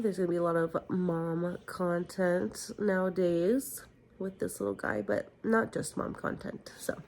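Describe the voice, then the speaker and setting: A tired young woman, a new mother with a cold, talking candidly and softly in a casual home vlog. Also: fairly low pitch, creaky. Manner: tired, candid, soft-spoken. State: stuffy from a cold. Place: home, indoors.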